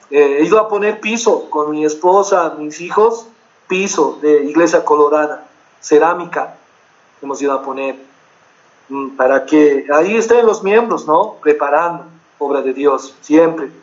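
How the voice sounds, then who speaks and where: A man's voice: on the high side, dull audio. A middle-aged man preaching a sermon as pastor, earnest and repetitive, often checking in with his listeners with short questions.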